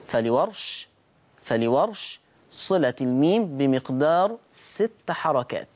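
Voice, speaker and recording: A man with an Egyptian Arabic accent teaching a recorded Quran recitation lesson. He puts the students' questions to himself and answers them, and slowly stretches out words to show how they are said. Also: medium pitch, big pitch swings, a little mellow. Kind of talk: recorded tajweed lesson with on-screen slides.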